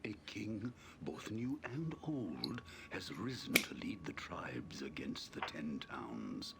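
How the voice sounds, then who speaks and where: Ancient rasping prophet, fantasy game, solemn, low, swooping pitch, breathy and portentous. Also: male voice, big pitch swings, slow, heavy background noise, heavily acted. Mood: ominous, solemn. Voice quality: rasping, breathy half-whisper, gravelly. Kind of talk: fantasy game role-play.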